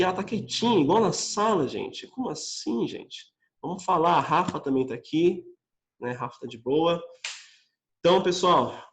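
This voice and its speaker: A young Brazilian man teaching an online English class, chatting casually with students and reading English phrases slowly and clearly. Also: medium pitch, reverberant. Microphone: computer mic on a video call.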